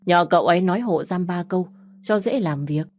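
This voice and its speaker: A woman voicing an older village man who calmly gives practical advice. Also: lowish voice, natural voice. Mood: advising. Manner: measured, advising tone.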